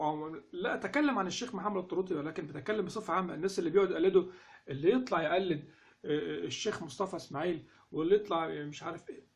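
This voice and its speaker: Fast-talking Egyptian man teaching. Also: high-pitched. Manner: animated, asks rhetorical questions. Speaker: instructor on Quran recitation. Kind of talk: casual spoken lesson.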